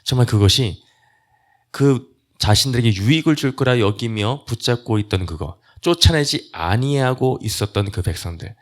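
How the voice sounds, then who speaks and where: A man's voice: medium pitch, expressive, normal speed. A male pastor preaching an earnest sermon, retelling God's words in plain, everyday speech.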